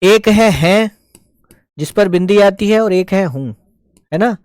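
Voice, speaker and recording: A man's voice: sits high, slow pace, a little mellow, smooth, dry recording, studio quality. A man teaching a live online shorthand class, explaining each stroke step by step and patiently answering his students.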